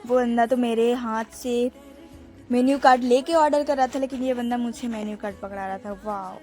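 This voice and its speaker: A woman's voice: on the high side, fairly even intonation, fairly quick, mellow, soft background music. A young woman narrating her vlog in a casual, chatty way and talking to her viewers as friends. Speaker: vlogger.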